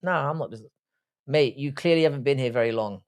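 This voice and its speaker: Here a British streamer in his early forties keeps a fairly quick, smooth flow at medium pitch. Casual and blunt, he fields comments on the fly with crude jokes and plenty of everyday slang.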